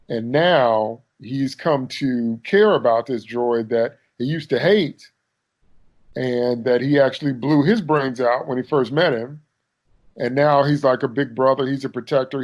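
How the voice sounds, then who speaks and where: Chatty male podcast co-host. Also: mid-range voice. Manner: animated, retells scenes with mock quotes. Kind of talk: casual chat.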